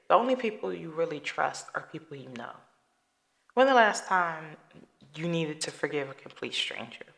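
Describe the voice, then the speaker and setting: Gravelly-voiced woman podcaster. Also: low-pitched, fairly bright tone. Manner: preachy, conversational, talks through examples; direct, rhetorical questions to listener. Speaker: podcast host. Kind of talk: solo podcast monologue.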